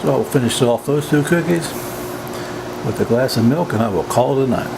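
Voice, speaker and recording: A man's voice: mid-range voice, brisk, gravelly. A plain-spoken, folksy man casually narrating a home cooking demonstration in his kitchen. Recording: steady background room hum and noise.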